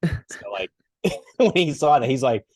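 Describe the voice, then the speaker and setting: A man's voice: medium pitch, big pitch swings, measured pace, darkish tone, dry recording, clean studio sound. A middle-aged man from Western Pennsylvania telling a story in a casual interview, acting out the people he quotes and laughing often. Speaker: podcast guest, coach and speaker.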